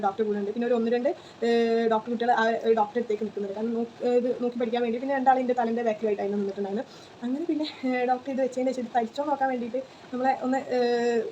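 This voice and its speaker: Young woman vlogger, rattles off a chatty story at high speed, mellow voice. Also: lo-fi sound, slight background noise. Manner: chatty, tags sentences with 'you know', many fillers. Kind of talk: casual personal storytelling.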